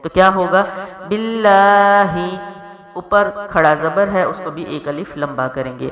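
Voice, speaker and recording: A woman's voice: deep voice, a bit bright, reverberant. A woman teaching Quran recitation step by step, patiently explaining each sound and checking that her students follow.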